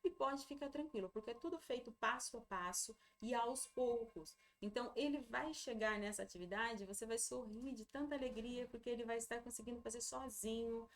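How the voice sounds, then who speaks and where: A woman teacher, warmly guiding parents through a literacy workbook and slowly sounding out syllables. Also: fairly high pitch. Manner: warm, encouraging, slows and sounds out syllables.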